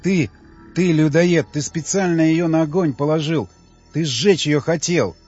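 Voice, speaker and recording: A man's voice: on the high side, big pitch swings, moderate pace, slightly rough, dull audio, soft background music. A man voicing a drunk raving man screaming curses. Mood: furious. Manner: shouting curses, hysterical.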